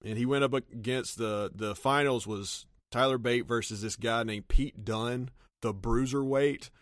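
A man's voice: medium pitch, a little slow, no echo, clean studio sound. A man co-hosting a podcast, chatting enthusiastically as he recaps recent events. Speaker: podcast co-host. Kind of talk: casual chat.

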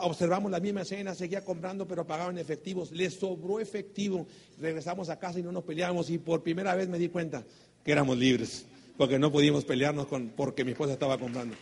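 A man tells stories at a motivational talk, swinging between loud and hushed lines. His slightly high voice has a husky edge. The sound carries a long reverb from a large hall. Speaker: motivational speaker.

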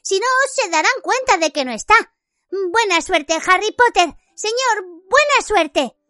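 A woman's voice: extremely high pitch, expressive, measured pace, sharp tone, no room sound, studio quality, voice pushed up, heavily acted. A woman voicing a small, eager male house-elf servant who talks in an earnest, formal way. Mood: urgent.

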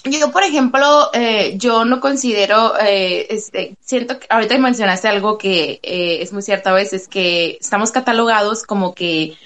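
A woman's voice: medium pitch, moderate pace, few pauses, fairly bright tone. A woman radio announcer with a Sonoran Mexican accent, chatting casually and explaining her craft with plenty of fillers. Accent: Sonoran Mexican Spanish. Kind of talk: casual interview chat.

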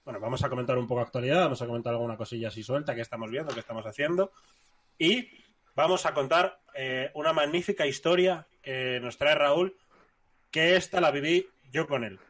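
A man's voice: medium pitch, brisk, fairly bright tone. Rambling man hosting a podcast. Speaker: podcast co-host. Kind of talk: casual chat, introducing the episode.

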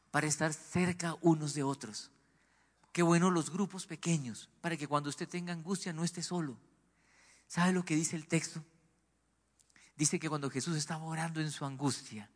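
A man preaching a sermon as pastor, asking the congregation lively rhetorical questions. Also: fairly high pitch, big-room sound.

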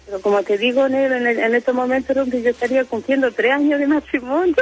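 A woman's voice: high voice, fairly even intonation, fast, a little mellow, muffled recording, faint music behind. Chilean woman, emotional phone-in caller. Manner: emotional, rambling storytelling. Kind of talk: phone-in confession.

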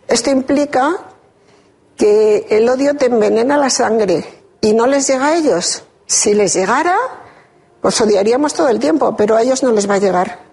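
A woman giving an interview, telling a deeply personal story in a measured, reflective way with hesitant restarts. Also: a little mellow, slightly rough. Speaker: interview guest. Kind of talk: emotional personal testimony.

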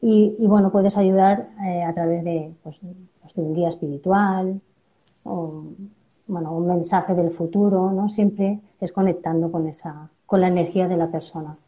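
Woman guest on a live stream, lowish voice, audio kinda dull and lo-fi, calm explaining. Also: moderate pace. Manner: calm, explains with filler questions. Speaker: guest medium. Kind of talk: interview answers.

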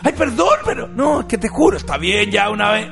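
A man mimicking a tipsy, gushing woman fan in a high, shrill voice, music behind. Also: big pitch swings, a little fast, creaky, heavily acted.

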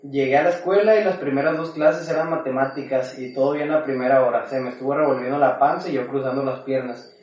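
A man with a Mexican accent telling a lively anecdote in casual chat, often laughing. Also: medium pitch, fast talker, distant mic, highs cut off. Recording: very echoey room, away from mic, faint noise.

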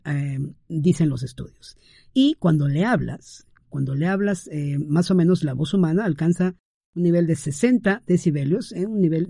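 A man's voice: fairly high pitch, creaky, warm tone, no room sound, clean studio sound. A middle-aged man hosting a podcast, talking in a casual, conversational monologue with frequent fillers and tag questions. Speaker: podcast host.

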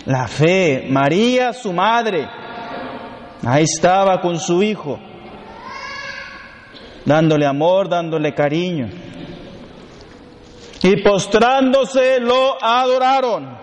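A man's voice: sits high, slow pace, long pauses. A man, a priest giving a sermon in emphatic repeated lists, with humorous storytelling asides. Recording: long hall reverb, faint background noise.

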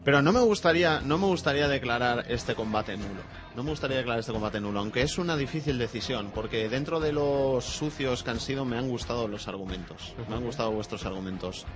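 Man, host and referee, mock boxing commentary, fast, music behind. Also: mid-range voice. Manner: playful, announcer-like.

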